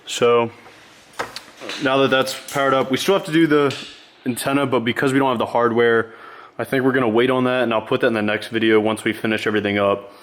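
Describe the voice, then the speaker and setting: Speaking fairly quickly in a medium-pitched, slightly bright voice with fairly even intonation, a car build channel host explains his work. He keeps the how-to vlog casual and chatty as he works in a garage, inside a vehicle.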